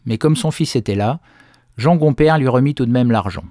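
Male storyteller, measured folk-tale narration, mid pitch, dry. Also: mellow, no room sound.

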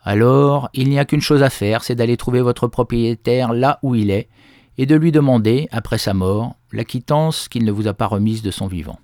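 Man doing grave priest, measured and solemn, in a dry, close sound. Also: medium pitch, darkish tone, no echo, natural voice. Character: grave kindly male village priest.

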